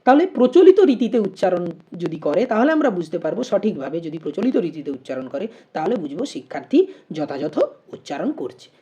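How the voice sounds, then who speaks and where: In a lo-fi recording, a woman leads an exam-prep session, reading multiple-choice questions and options and then explaining each answer step by step with rhetorical questions. Her voice is lowish and warm, brisk in pace, with big swings in pitch.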